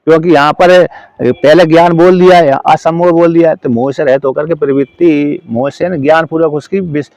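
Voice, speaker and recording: A man's voice: on the high side, fairly even intonation, darkish tone, no echo. A man teaching scripture in a lesson, explaining a commentary word by word, often breaking off to correct himself and asking his listeners if they follow. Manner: halting, self-correcting, checks in with listeners; slow chanted verse recitation.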